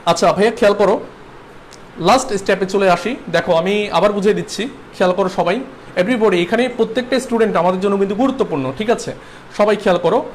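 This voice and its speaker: Young man, high voice, English teacher in an online class, repeats rules, checks understanding, faint background hiss. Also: quick pace. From Bangladesh. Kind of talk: livestreamed exam-prep lesson.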